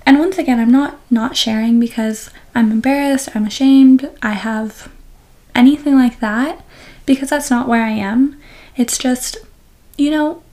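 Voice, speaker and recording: Candid woman podcast host, higher voice. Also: unhurried. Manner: open and reflective, with soft laughs and restarts. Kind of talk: candid personal podcast talk.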